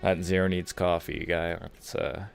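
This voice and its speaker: A man's voice: deep voice, level tone, unhurried, vocal fry, clean tone, faint music behind. A man streaming a video game, chatting casually and rambling to his viewers. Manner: rambling, chatty, laid-back. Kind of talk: casual gaming stream chat.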